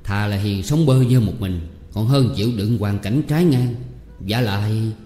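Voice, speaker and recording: A man voicing an older village teacher, grave and weary, who gives measured and stern advice. His voice is low and warm. It rings in an echoey room with long reverb. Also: soft background music, close to an everyday voice. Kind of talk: audiobook character voicing.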